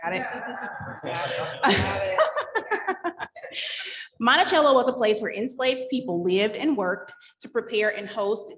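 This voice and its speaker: A woman's voice: mid-range voice, husky. A woman hosting and moderating a live panel discussion, reading a scripted introduction with upbeat, laughing asides. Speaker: event host and moderator.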